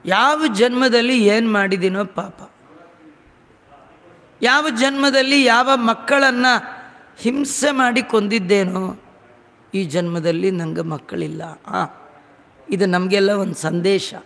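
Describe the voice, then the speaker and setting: Slow, high-voiced man giving a religious talk. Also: sharp tone, big-room sound. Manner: chants Sanskrit verses slowly, then explains with homely humor. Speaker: religious discourse speaker. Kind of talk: Kannada religious discourse.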